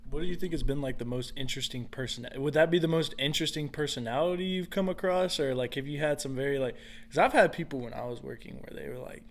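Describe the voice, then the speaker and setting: A man's voice: fairly high pitch, quick pace, few pauses. A man hosting a podcast interview, laid-back and slangy, asking questions and giving short affirmations. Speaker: podcast host. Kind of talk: casual interview chat.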